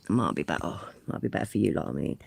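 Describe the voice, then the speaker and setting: This livestream host, nose stuffed from a cold, chats casually on her phone, swearing freely and putting herself down. She talks rapid-fire in a bass voice with lively intonation, vocal fry and a darkish tone, and no room sound.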